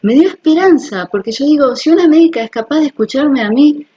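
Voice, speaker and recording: A health video host speaks to her viewers casually, explaining things in an earnest, personal way and making sure they follow. Her voice is high-pitched, mellow and fairly quick, with lively intonation. The audio is dull.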